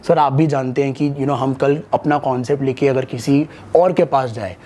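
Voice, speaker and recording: A man's voice: medium pitch, moderate pace, warm tone. A young man, an actor, talking earnestly about his work in a casual interview, often switching into English. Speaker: actor and playwright, guest.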